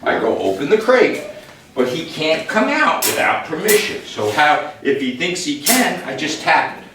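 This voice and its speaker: A man demonstrates dog training in a house, talking through each step and giving short, calm commands. His voice is slightly high and swings up and down a lot. The mic sits far from him, so the room sounds echoey, with clear noise behind him. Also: moderate pace. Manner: calm, explanatory, gives short commands to dogs.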